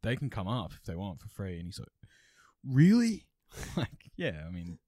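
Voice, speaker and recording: A man's voice: sits low, expressive, fast, no echo, clean studio sound. An Australian man co-hosting a comedy podcast in casual chat, laid-back and sweary, often laughing as he talks.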